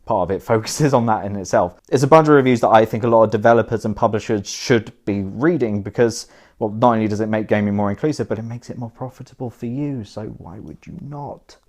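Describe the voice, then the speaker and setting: A man's voice: lowish voice, fast, a little mellow. A young man giving a casual thank-you message to viewers indoors by a fire, self-deprecating, with dry asides that trail off into mumbles. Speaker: board game reviewer.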